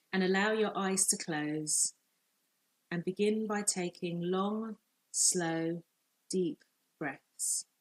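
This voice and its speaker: A woman life coach leading a guided visualisation, speaking in slow, soothing, measured instructions with long pauses. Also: lowish voice, darkish tone, husky, low-quality recording.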